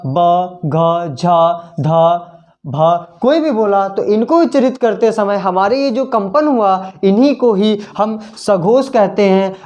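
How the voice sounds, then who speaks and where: A male teacher giving a slow classroom lesson, often repeating words while he writes on the board. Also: sits high. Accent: Hindi.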